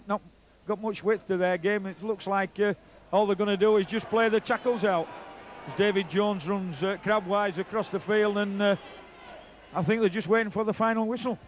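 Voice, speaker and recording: A middle-aged man with a Yorkshire accent giving live rugby league match commentary. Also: sits high. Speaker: co-commentator, former player. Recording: outdoor match noise behind commentary. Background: stadium ambience and crowd.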